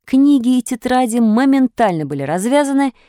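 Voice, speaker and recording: Woman telling a storybook, animated and dry. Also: high voice, normal speed, dry recording. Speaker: narrator. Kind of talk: storybook audiobook narration.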